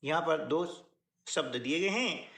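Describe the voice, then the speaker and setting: A man works through a workbook lesson one step at a time, often pausing to ask the listener short questions. He speaks at a measured pace, his pitch rising and falling in a lively way, and the room sounds echoey.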